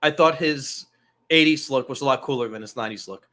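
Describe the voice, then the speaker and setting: A man's voice: mid-range voice, brisk, bright, forceful tone. A man hosting a casual wrestling talk show, loose and profane, rambling through asides. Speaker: podcast host.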